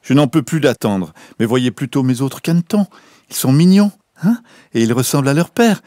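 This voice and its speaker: A man's voice: mid-range voice, expressive, moderate pace, dark tone, no room sound, studio quality, voice pushed up, close to an everyday voice. A man voicing a protective mother duck in a storybook. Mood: fretful.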